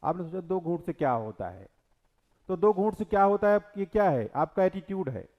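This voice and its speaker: A man's voice: sits high, very animated, brisk, dull audio. Man lecturing with rhetorical questions. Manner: rhetorical questions, quotes verses, swings between loud and soft. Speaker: teacher. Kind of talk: exam-prep lecture on scripture.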